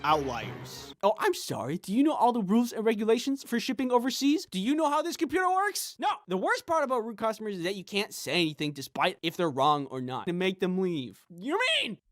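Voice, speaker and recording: A man's voice: high-pitched, sing-song, a little fast, hardly any pauses, a little hiss or hum. A man doing comedic vlog talk to camera, jokey and self-mocking. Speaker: YouTuber.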